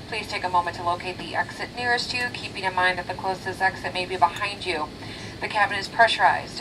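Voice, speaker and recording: A woman flight attendant reading a scripted safety briefing over a cabin intercom. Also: mid-range voice. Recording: distant cabin PA with aircraft noise.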